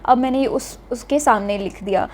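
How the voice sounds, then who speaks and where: A woman's voice: on the high side, moderate pace, darkish tone, slight background noise. A young woman with an Indian accent giving casual study advice for an exam, chatty and mixing in English phrases. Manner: chatty, keeps saying "theek hai", mixes Hindi and English. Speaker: exam prep tutor.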